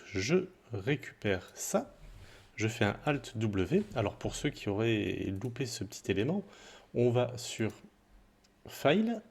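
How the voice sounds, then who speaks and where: A man explaining a coding tutorial in a relaxed, chatty way, with small asides and self-corrections. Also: medium pitch, gravelly, husky. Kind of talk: screen-recorded coding tutorial.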